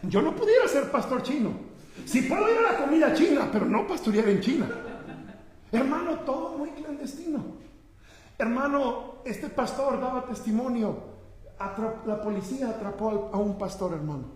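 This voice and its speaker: High-voiced man preaching with shouts. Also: expressive, normal speed, reverberant. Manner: impassioned preaching that swings from shouting to hushed, often calling out "hermano". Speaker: pastor. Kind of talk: sermon. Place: church pulpit.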